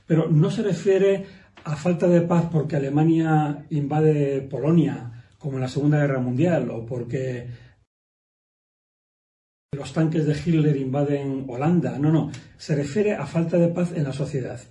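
A man's voice: on the high side, a little slow, dark tone. A male pastor preaching in a sermon, explaining points emphatically and repeating phrases for stress. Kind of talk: sermon teaching. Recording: roomy echo, from far off the mic.

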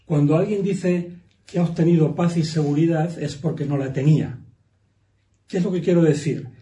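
A man's voice: a little high, normal speed, warm tone, slight background noise. Fields: man, sermon, roomy distant sound. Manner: explanatory, emphatic, repeats for stress. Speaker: pastor. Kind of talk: sermon teaching. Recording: roomy echo, from far off the mic.

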